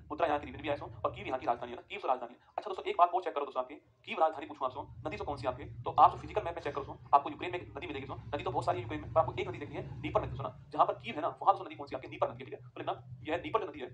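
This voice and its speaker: A man's voice: fairly high pitch, a bit bright, slight background noise. A man teaching a live online geography class, dictating notes and asking his students again and again whether they follow. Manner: repetitive, keeps asking "ठीक है?"; addresses students as friends, gives dictation.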